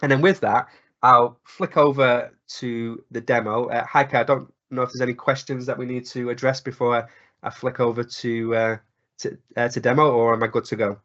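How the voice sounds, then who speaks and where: A croaky-voiced man presenting a live technical webinar, explaining at length with many fillers and restarts. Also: mid-range voice, little pitch movement, normal speed, a bit bright. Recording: dull lo-fi webinar audio.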